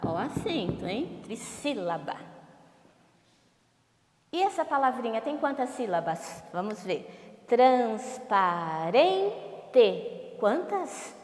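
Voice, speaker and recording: A woman's voice: on the high side, sing-song, darkish tone. A woman teacher giving a televised class lesson, drawing out each syllable and asking questions she then answers herself. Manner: slow, drawn-out syllables, asks questions and answers them. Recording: echoey room with long reverb.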